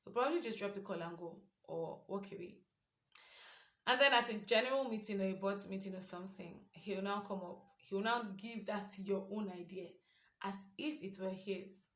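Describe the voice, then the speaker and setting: A young woman talks through a devotional reading in a relaxed, earnest way, as if thinking aloud to a friend. Her voice sits at an ordinary middle pitch, and the room gives it a noticeable echo. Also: normal speed. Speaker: devotional speaker. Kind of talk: casual devotional reflection. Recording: roomy echo.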